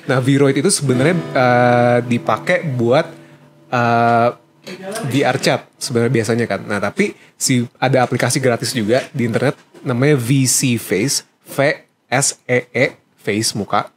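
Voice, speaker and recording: A young man, one of the creators of an animated series, explaining their process in a relaxed, casual Q&A chat with many fillers. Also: medium pitch, a little slow, soft background music.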